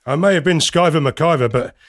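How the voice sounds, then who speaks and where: A man's voice: on the high side, fast, close to an everyday voice. An actor playing a cheeky, scheming Cockney wide boy who narrates and talks in slangy patter in an audio drama. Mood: wry. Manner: slangy, wheeling and dealing patter. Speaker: narrator and lead character. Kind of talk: first-person audio drama narration and dialogue.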